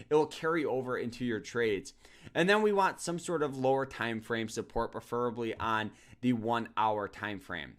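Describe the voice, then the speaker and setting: A man's voice: mid-range voice, fairly bright tone. A man hosting an upbeat trading lesson over a screen share, talking casually and often repeating words as he goes. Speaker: trading course host.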